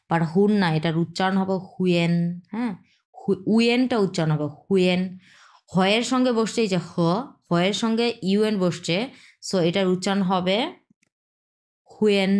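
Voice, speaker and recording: A woman teaching a pronunciation lesson, repeating sounds slowly and checking in with her students. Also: mid-range voice, a little mellow. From Bangladesh. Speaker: language teacher.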